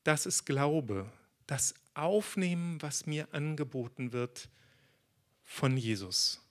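A man preaching a sermon in a conversational, lively way, acting out quotes as he tells the story. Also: a little high, slow.

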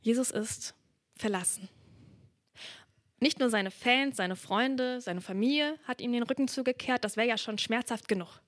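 A woman's voice: fairly high pitch, normal speed, no echo, studio quality. A woman preaching a sermon in a reflective, earnest way, reading from the Bible. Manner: earnest, reflective, drops to a whisper at moments.

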